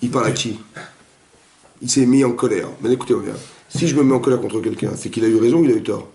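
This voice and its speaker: A man, a rabbi, giving a lively interactive Torah class, quizzing his students and acting out the dialogue. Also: mid-range voice, fast. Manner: animated, questions the students, acts out dialogue. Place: echoey room with students. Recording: roomy echoey room recording.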